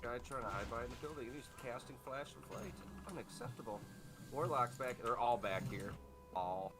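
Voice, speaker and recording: A man on voice chat with teammates, chatting casually and making brisk callouts during the game. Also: mid-range voice. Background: game music.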